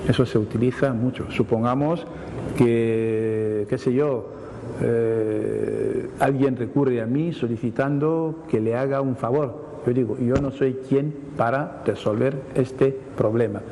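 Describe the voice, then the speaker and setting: A man explains word usage on a TV program in a measured, patient way. He reads definitions, restates them, and gives everyday examples. His voice is dark and mellow, and it sounds a little reverberant with faint hiss behind it. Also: medium pitch, steady tone, creaky. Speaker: language academic answering viewer questions. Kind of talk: explanatory TV segment.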